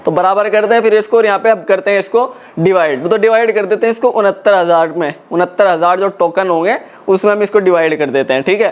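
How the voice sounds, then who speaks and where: A man's voice: sits high, fast, few pauses. A young man casually walking viewers through an on-screen tutorial, chatty and repeating filler check-ins as he goes. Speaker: crypto tutorial YouTuber. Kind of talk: casual screen-walkthrough explanation.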